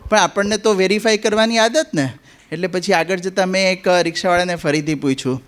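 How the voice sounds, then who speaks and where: A middle-aged man with a Gujarati accent tells humorous anecdotes to a gathering. His voice sits high for a man, and he builds each story toward its punchline. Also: fairly quick, fairly bright tone, clean tone. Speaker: comic speaker at a spiritual gathering. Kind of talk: humorous anecdotes told to an audience.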